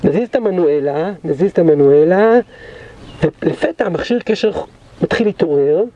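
A man leading a guided history tour, telling battle stories dramatically and acting out the shouts of those involved. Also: fairly high pitch, expressive. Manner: dramatic storyteller, acts out quoted shouts. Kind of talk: guided tour storytelling lecture. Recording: dull lo-fi recording.

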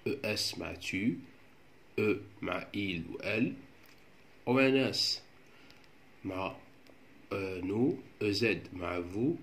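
Algerian male teacher, lowish voice, patient step-by-step explainer, faint room noise. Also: a bit bright. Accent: Algerian Arabic. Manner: patient, step-by-step explaining, often checks with "d'accord". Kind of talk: explaining a French grammar lesson.

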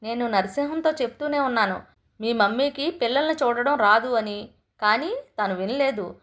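A woman's voice: a little high, expressive, moderate pace, fairly bright tone. A woman voicing an indignant young mother who sharply scolds her mother-in-law in a storybook reading. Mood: accusing.

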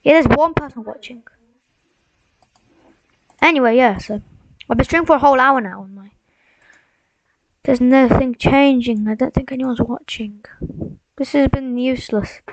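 A young female gaming streamer gives casual live-stream commentary, rambling mock-heroically as she addresses herself and her viewers. She speaks high-pitched at a moderate pace, pausing often, and the dull lo-fi recording has no room sound.

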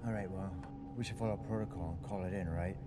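An actor playing a gruff, impatient middle-aged male ambulance driver in a film, speaking tersely. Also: deep voice, steady tone, fast talker, lightly acted. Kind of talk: fan film acting. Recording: distant, music underneath.

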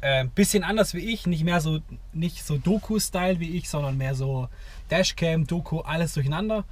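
A man's voice: fairly high pitch, normal speed. A man who drives trucks, recording a casual video diary of his working week from the road, chatty and blunt, cursing when something annoys him. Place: inside a truck cab and around depots. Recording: loud road and engine noise.

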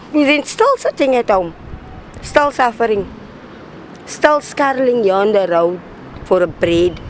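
A woman's voice: lowish voice, a little mellow, a little hiss or hum, low-quality recording. A woman in her thirties with a Cape Town South African accent, giving a blunt, indignant street interview outside by a stadium. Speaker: interviewee, local resident.

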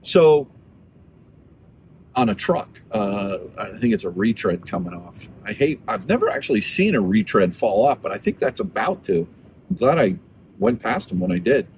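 An electric-car vlogger chats casually from his car, rambling and thinking aloud as he drives and charges. His voice sits on the low side with a darkish tone and a sing-song lilt, at a moderate pace. There's slight background noise.

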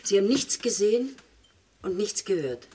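An actress playing a controlling shopkeeper's wife who gives brisk, insistent orders, in a 1970s TV crime drama. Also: female voice, mid-range voice, sing-song, mellow, close to an everyday voice. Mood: coaxing, firm. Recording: old TV sound with clear hiss.

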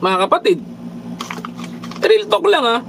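A Filipino man with a high-pitched voice hosts a casual political commentary livestream, reading viewer comments aloud. He lectures his audience as brothers and countrymen, slipping English phrases in among his words. Faint vehicle noise hums behind him. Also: big pitch swings, measured pace, creaky. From Philippines. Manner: preachy, repeatedly addresses viewers as brothers and countrymen.

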